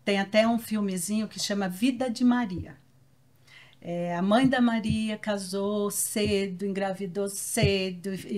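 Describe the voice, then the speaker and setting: Woman sharing reflective faith stories. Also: medium pitch. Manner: reflective, explains with stories and examples. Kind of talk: casual faith chat.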